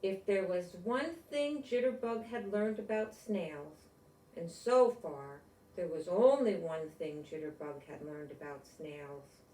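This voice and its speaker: An older woman reads a picture book aloud to children, animated and expressive, tossing in little asides and questions for her listeners. Her voice is lowish and warm, and she takes her time. The mic is distant and the room echoes.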